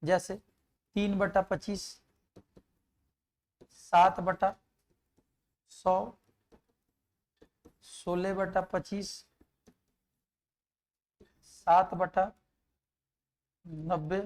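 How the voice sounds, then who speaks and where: A man's voice: high voice, flat delivery, drawn-out words, pauses often. Picture a man walking students through an exam-prep math lesson in careful steps. He poses questions and answers them himself. He reads numbers and multiplication tables aloud as he works. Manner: explains step by step, asks and answers his own questions. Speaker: math teacher.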